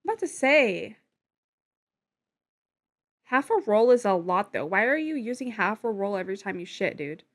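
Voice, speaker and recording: A woman in the middle of the usual pitch range, co-hosting a casual podcast. She reads listener posts aloud and reacts with blunt, animated humor and easy swearing. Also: moderate pace, pauses often. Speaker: podcast co-host. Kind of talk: casual chat and reading stories aloud.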